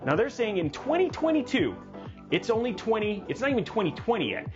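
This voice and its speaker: A man hosting a livestreamed tech news show, animated and jokey, with dramatic asides. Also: high voice, brisk, muffled recording. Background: music playing under the voice.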